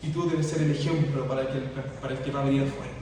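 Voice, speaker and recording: A man's voice: mid-range voice, little pitch movement, racing, dark tone. A male pastor preaching a fervent sermon, repeating phrases as his emphasis builds, heard in a church hall. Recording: echoey hall from far off, faint noise.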